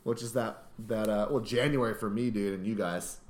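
A tired man co-hosting a gaming podcast, excitable and slangy, rambling between topics. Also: lowish voice, normal speed. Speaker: podcast co-host. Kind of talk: casual gaming podcast chat.

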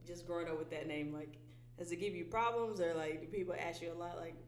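A woman co-hosting an interview, asking questions in a relaxed way with lots of fillers. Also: lowish voice, quick pace, a crowd in the background. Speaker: podcast co-host. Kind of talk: casual interview chat. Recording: roomy echo.

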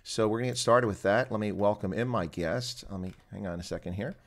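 A man hosting a casual live stream, chatty, fast and full of fillers and restarts. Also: fairly low pitch, gravelly.

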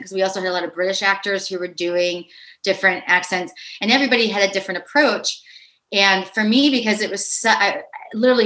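A middle-aged woman from Pittsburgh talking casually as an interview guest. Her voice is bright and clear, and she tells her stories with lots of laughter, slipping into quoted voices. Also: mid-range voice. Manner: chatty, laughs often, acts out quoted voices. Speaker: actress guest.

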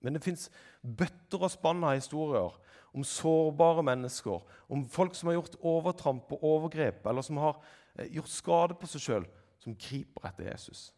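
A man preaching a sermon, reading Bible passages aloud and acting out the voices in them. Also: warm tone. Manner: reads scripture aloud, acting out voices with raised pitch.

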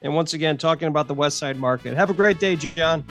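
Talking fast in a slightly high, fairly bright voice, this man hosts a podcast casually, interviewing and spinning stories. Soft music plays in the background of the close, dry recording.

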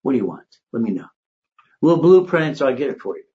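A man's voice: medium pitch, big pitch swings, fairly quick. Older man preaching credit, dull audio. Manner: preachy, emphatic, swings from loud to hushed. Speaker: credit consultant. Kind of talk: motivational monologue.

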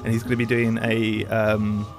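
A man's voice: on the low side, monotone, moderate pace. A man hosting a podcast, rambling casually with many ums and uhs. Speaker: podcast host. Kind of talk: casual show intro and interview. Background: music.

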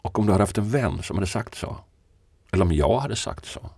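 On a podcast, a poet muses slowly and reflectively, his very deep voice gravelly, husky and darkish yet lively in intonation. Frequent laughter breaks up his thoughts, and the recording is close and dry, without echo.

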